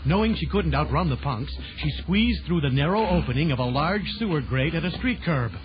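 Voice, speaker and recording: Slightly high and natural, his voice is expressive and a touch fast as he delivers a children's adventure audio drama in a theatrical announcer style. The old recording sounds dull and band-limited, with loud dramatic music underneath.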